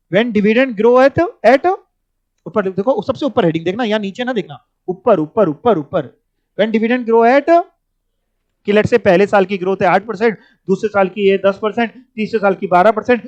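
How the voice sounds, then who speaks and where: A man's voice: high voice, dry recording. A man teaching a finance class, explaining formulas step by step, repeating key words and asking students to follow along. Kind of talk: classroom lecture. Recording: dull, dry lo-fi recording.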